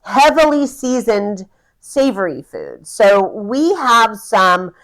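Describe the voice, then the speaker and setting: A woman who runs a coffee roastery, chatting casually to camera and sharing tasting tips in a lively, self-deprecating way. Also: mid-range voice, takes it slowly, poor audio.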